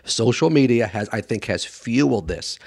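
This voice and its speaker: His voice is medium in pitch, expressive, creaky and a little mellow, with a moderate pace. As a doctor and author guesting on a radio show, he answers interview questions conversationally, bluntly and emphatically, playing out what others say.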